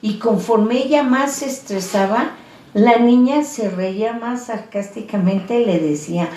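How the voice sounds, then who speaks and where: A woman tells a horror story in a relaxed, conversational way, dropping in fillers as she goes. Her voice sits a little high and she talks slowly. She sounds a bit distant from the mic in an echoey room. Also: slight background noise. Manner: conversational, many fillers like "pues" and "¿no?".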